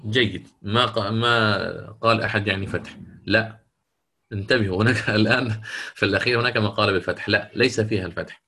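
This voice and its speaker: A man's voice: fairly low pitch, fairly even intonation, fast talker, bright, forceful tone. Male Quran teacher questioning his class. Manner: explains step by step, questions the class, chants quoted verses. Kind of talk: online lecture to students.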